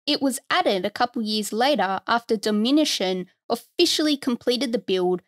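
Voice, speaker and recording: A woman's voice: on the high side, animated, normal speed, dry recording, studio quality. A woman hosting a history podcast, reading a scripted narration in a conversational tone with wry asides. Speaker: podcast host.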